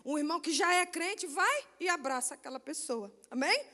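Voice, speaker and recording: A woman from Brazil with a Rio de Janeiro accent, giving an animated testimony sermon and acting out the people in her story, often asking "né?" and "amém?". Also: extremely high pitch, normal speed, big-room sound. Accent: Brazilian Portuguese, Rio de Janeiro. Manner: animated storytelling, acts out quoted voices, frequent "né?" and "amém?". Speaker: guest missionary speaker. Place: church sanctuary.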